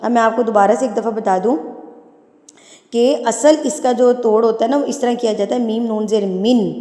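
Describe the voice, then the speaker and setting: Woman tajweed teacher, patient slow spelling, higher voice, long reverb. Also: steady tone, warm tone. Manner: patient, explains then spells words slowly syllable by syllable.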